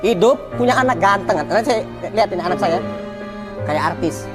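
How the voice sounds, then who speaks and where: A man telling his personal story as a guest in an interview, animated, repeating words for emphasis and acting out dialogue. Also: sits high, brisk, over music. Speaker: guest, founder of a free restaurant.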